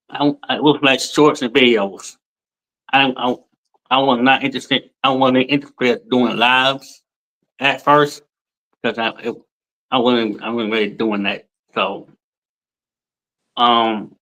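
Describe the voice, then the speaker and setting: A man in his forties joins a casual chat over a video call as a guest telling his story, rambling and repeating himself in informal, colloquial speech. His voice is medium-pitched and a bit bright, and the recording quality is low.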